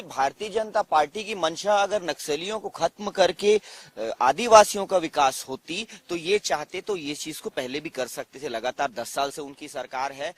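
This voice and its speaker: Insistent high-voiced man debating. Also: no room sound. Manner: insistent, listing demands, repeated "dekhiye". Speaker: debate panelist, opposition side. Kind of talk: TV news debate argument.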